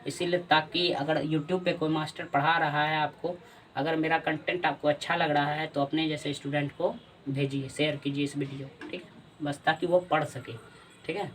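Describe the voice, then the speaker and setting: A man's voice: a little high, steady tone, normal speed, fairly bright tone, distant mic, slight background noise. A male teacher with a Bihari Hindi accent giving a grammar lesson, often repeating key answers as questions to his students.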